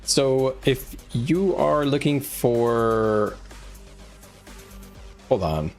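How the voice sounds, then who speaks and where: Speaking extremely slowly but with lively intonation, a medium-pitched male streamer chats informally with viewers. He thinks aloud while giving gameplay advice, and music plays in the background.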